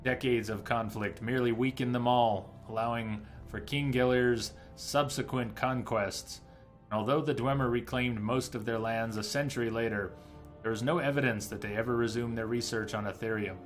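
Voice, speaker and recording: A game streamer talks his viewers through a playthrough, giving live commentary and reading in-game lore aloud. His voice is mid-range, steady and at normal speed, with faint music in the background.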